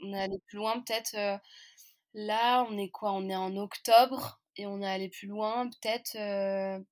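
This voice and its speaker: A woman's voice: medium pitch, fairly even intonation, unhurried. A French woman in her twenties, a podcast guest telling a personal story in a chatty, candid, hesitant way. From France. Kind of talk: casual storytelling interview.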